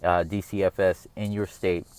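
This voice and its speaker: A man's voice: deep voice, level tone, normal speed, a little mellow, clear, resonant tone. A man in his thirties from the United States, talking through his opinions in a casual, earnest monologue that rambles and keeps circling back with "all right?". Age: 30s. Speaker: vlogger.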